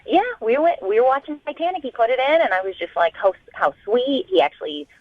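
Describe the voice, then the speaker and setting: A woman's voice: sits high, animated, fast, no room sound. A woman on a phone call to a radio show, hesitant at first and then indignant about a date. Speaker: caller. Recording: muffled phone line.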